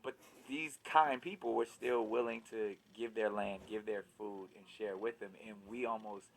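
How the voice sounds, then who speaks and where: A man hosting a casual podcast conversation, thinking aloud in a reflective, halting way with repeated words. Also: on the low side, steady tone, creaky, low-quality recording. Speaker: host.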